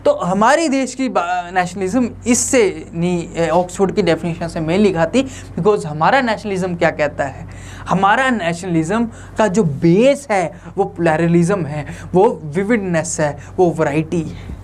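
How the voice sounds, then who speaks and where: A man's voice: high-pitched, unhurried, slight background noise. A young man teaching an online lecture in a conversational way, often asking the viewers rhetorical questions.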